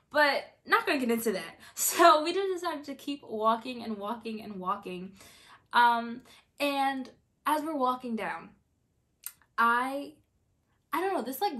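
A young woman in her twenties telling a story in a casual, animated way, acting out her own quotes with lots of filler words. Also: a little high. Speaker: vlogger.

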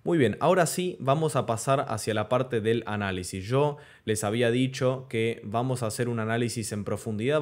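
A young man, teaching a chart tutorial and often checking in with "ok?", slowing down on key terms. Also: mid-range voice. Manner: explanatory, checks in with "¿ok?" and "¿de acuerdo?"; slows down to stress key terms. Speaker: crypto trading instructor. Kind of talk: screen-share chart tutorial. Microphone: webcam in corner of screen recording.

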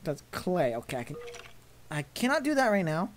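Young woman, gameplay commentator, lower register, nervous and exclamatory, light noise on the desk mic. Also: very animated, normal speed. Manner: jumpy, frightened and exclaiming.

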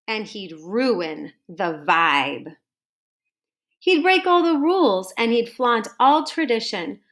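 In a home kitchen, a woman reads a children's storybook aloud to students the way a teacher would. Her medium-pitched, slightly bright voice is deliberate and sing-song, stretching out the ends of phrases.

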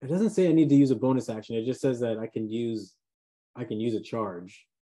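A man's voice: medium pitch, a little fast, dark tone. A man chatting casually as a tabletop game player, thinking aloud hesitantly. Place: indoors at home, on a video call.

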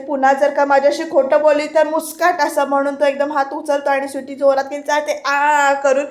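A woman's voice: sits high, a little mellow, roomy sound. A woman narrating a voice-over review of a TV serial, quoting each character's lines and addressing her viewers directly. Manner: retells scenes, quoting each character's lines with little change of voice. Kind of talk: voice-over retelling of a TV serial episode.

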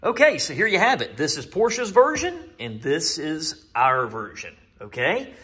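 A man in his forties running an engine shop, talking energetically in a casual vlog from a small indoor workshop, filmed with a phone held at arm's length. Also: on the high side. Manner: energetic, salesman-like, blunt. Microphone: phone camera at arm's length.

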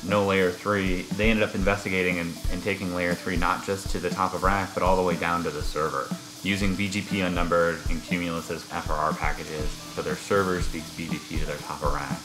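A man's voice: deep voice, little pitch movement, brisk, music in the background, rough recording. A man guesting on a casual cooking show in a home kitchen, talking with enthusiasm.

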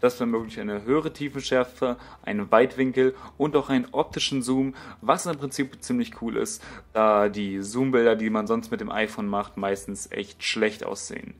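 A man's voice: medium pitch, steady tone, normal speed. A young man doing a casual tech voice-over, hesitant and full of fillers and restarts. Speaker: tech YouTuber.

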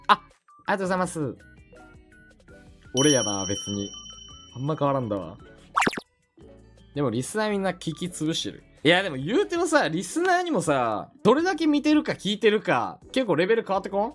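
A man from Mie Prefecture with a Mie dialect, chatting on a casual stream in an animated, rambling, jokey way. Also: high voice, a little fast, long pauses, over loud music. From Mie Prefecture, Japan.

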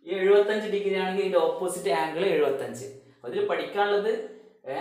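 A man's voice: fairly high pitch, far from the mic. A man teaching a math lesson to schoolchildren, explaining step by step and asking questions that he answers himself, saying the English terms with a Malayalam accent. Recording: very echoey room.

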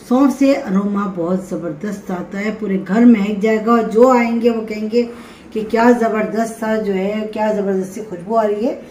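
A middle-aged woman with a slightly high, mellow voice hosts a home cooking show, chatting casually as she gives recipe instructions in her kitchen. The recording has a roomy kitchen echo and some background noise.

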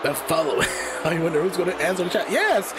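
Giggly, lively-voiced male stream commentator. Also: high-pitched, a little fast, very noisy. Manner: giggly, rambling, self-deprecating. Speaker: wrestling commentator. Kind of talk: casual live stream commentary.

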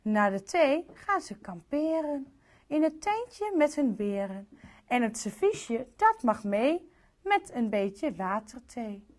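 A woman reads a rhyming children's picture book aloud in a sing-song cadence. Her voice is high and very lively in pitch, and she takes her time with each line. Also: slow. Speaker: storyteller.

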